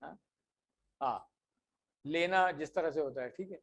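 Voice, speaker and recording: A man teaching a class that is also followed online. He explains patiently, checks often that students follow, and slows down on example phrases. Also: on the high side.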